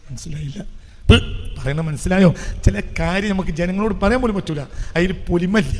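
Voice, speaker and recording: Man, Islamic preacher, sermon, high sharp voice, rhetorical questions, hushed then loud, long hall echo. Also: fast talker. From Kerala, India.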